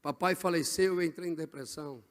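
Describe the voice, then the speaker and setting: A middle-aged male pastor preaching a Pentecostal sermon, swinging from hushed passages to shouted climaxes. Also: fairly high pitch, fairly quick, big-room sound.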